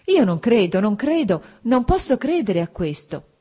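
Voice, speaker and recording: A woman's voice: mid-range voice, sing-song, moderate pace, mellow, husky, pitched above the performer's own voice. A woman reading the part of a distressed married woman who pleads urgently for her friend in an audiobook. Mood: desperate.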